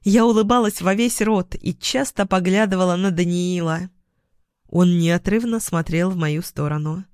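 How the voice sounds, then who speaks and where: A woman reading a first-person novel aloud at an unhurried pace, gently expressive. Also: fairly low pitch, no room sound, studio quality. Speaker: audiobook narrator.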